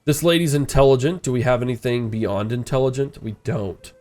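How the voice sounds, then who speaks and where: A congested man's mid-range voice, darkish in tone and a little fast, carries over soft background music. He's playing a strategy game and offering casual let's-play commentary with a stuffed-up nose, rambling, thinking aloud and saying "uh" often.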